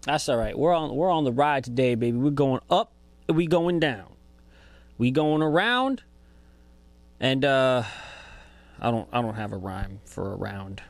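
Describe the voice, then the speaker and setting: A man's voice: medium pitch, expressive, measured pace, vocal fry, long pauses, no echo. A man in his twenties hosting a podcast, talking in a rambling, profane, laid-back way as a casual monologue. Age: 20s. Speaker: podcast host.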